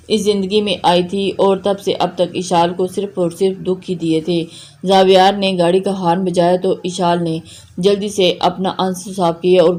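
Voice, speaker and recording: A woman's voice: fairly low pitch, darkish tone. A woman with a Pakistani Urdu accent reading a romantic novel aloud and voicing every character herself with light shifts. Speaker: narrator.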